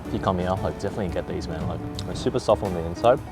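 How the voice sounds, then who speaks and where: Deep-voiced man eating fried chicken on camera. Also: very fast, over loud music. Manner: eating crunchy fried chicken while talking, appreciative mms; laid-back, often ends phrases with "man". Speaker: food vlogger, host. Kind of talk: casual food review vlog.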